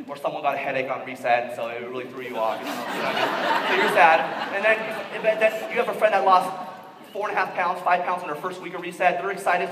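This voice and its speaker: A man giving an animated motivational training talk to a room, acting out the people he quotes. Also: on the high side, background noise. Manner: animated, quick-talking, acts out quoted people. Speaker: network marketing trainer. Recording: echoey hall from far off.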